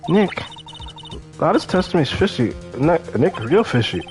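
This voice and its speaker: A man's voice: a little high, big pitch swings, moderate pace, a little mellow, soft background music, voice pushed up. An earnest, loyal young woman speaking up with conviction, her voice raised above the reader's own, as a man puts her on. Her lines come out firm and pleading.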